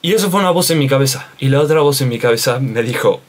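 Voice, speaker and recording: A man's voice: mid-range voice, fast talker. A young man talking casually to his camera in a vlog, rambling and chatty with many asides and fillers. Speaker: vlogger.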